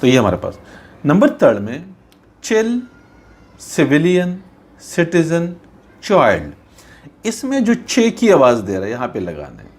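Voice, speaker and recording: A man's voice: on the high side, wildly swooping pitch, a little mellow. A man from Pakistan teaching an English lesson, explaining patiently and reading textbook lines aloud in English. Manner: patient, repetitive explaining, often checks with "theek hai"; reads English textbook lines slowly, mixing them into his explanations. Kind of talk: recorded classroom lesson.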